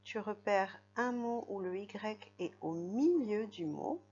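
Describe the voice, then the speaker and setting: A woman gives a reading lesson to young children. She talks slowly and patiently, spelling out letters and syllables one at a time. The recording sounds dull and lo-fi. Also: medium pitch, expressive, warm tone. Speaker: teacher.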